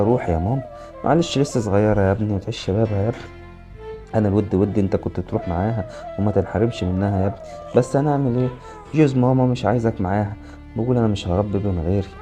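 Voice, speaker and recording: A man playing a gentle Egyptian grandfather. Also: fairly low pitch, close to an everyday voice. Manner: soothing, consoling. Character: older widowed-in-law grandfather, gentle and resigned.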